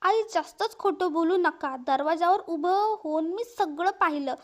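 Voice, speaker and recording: Stern young husband, read by a woman, firm, reproachful, very high voice, spoken story. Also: unhurried.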